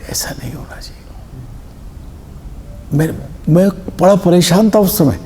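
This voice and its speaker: A man giving a scripture discourse in a hall, explaining slowly with examples and stressing key words. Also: sits high, warm tone, a little hiss or hum. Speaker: scripture teacher.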